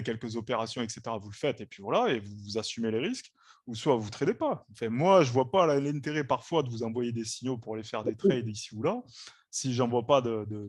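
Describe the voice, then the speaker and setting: A man's voice: mid-range voice, no room sound, studio quality. A man hosting a live trading stream, giving casual, explanatory market commentary. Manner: relaxed, explanatory, repeats "hein" and "quoi".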